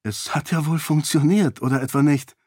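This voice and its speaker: A headstrong young princess with a lifted, lively voice, as a male narrator puts her on. She speaks quick and bright, sounding close and dry. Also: on the high side, no room sound, voice pushed up, close to an everyday voice. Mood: spirited. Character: stubborn, spirited young princess.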